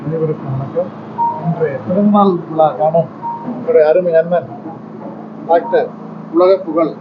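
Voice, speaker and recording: Man, music troupe leader, formal halting speech, high voice, dull recording, noisy background. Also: fairly even intonation.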